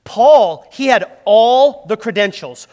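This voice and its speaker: A young man preaching a lively sermon as pastor, leading his congregation in call-and-response. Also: sits high, slow pace, in a large hall. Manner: storytelling with boxing imagery.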